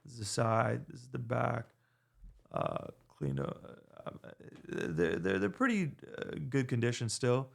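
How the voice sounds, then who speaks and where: Gravelly young man rambling casually. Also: medium pitch, wildly swooping pitch, measured pace. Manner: rambling, lots of fillers and restarts. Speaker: vlogger. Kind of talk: casual unboxing vlog. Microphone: desk microphone.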